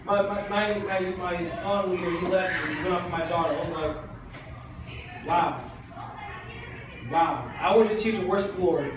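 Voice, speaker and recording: Man, preacher, high voice, insistent repetitive exhortation, sermon, very echoey hall, far from mic. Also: steady tone, brisk, hardly any pauses, background noise.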